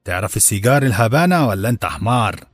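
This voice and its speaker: رجل يؤدي صوت مشرف شاب متعجرف يصرخ بالإهانات. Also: male voice, lowish voice, expressive, racing, husky, soft background music. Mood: shouting. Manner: contemptuous, shouting insults. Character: arrogant bullying male supervisor, young adult.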